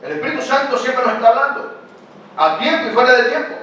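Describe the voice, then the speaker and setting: A man's voice: very high-pitched, quick pace, pushed and bright, a little hiss or hum. Older male pastor in an echoey hall. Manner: conversational preaching with frequent rhetorical questions. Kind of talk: sermon. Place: church hall. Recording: very echoey church hall, picked up from a distance.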